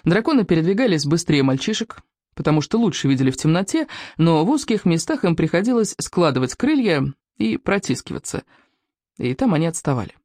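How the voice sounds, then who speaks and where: An audiobook narrator reading an adventure story with animated, dramatic delivery that slows and stretches words for suspense. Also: medium pitch, dry recording, clean studio sound.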